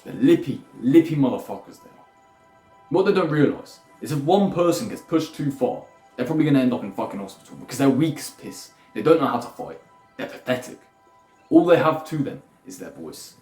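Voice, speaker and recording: This young man's voice is medium in pitch with a darkish tone as he bluntly lectures on self-improvement, rambling and swearing freely. Faint music plays in the echoey space around him.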